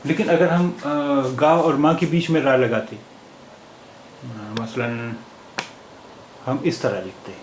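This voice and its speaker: A man teaching a language lesson, pausing on fillers and repeating each word several times. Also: mid-range voice, steady tone. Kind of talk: slow explanatory lesson. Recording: echoey room with faint hiss.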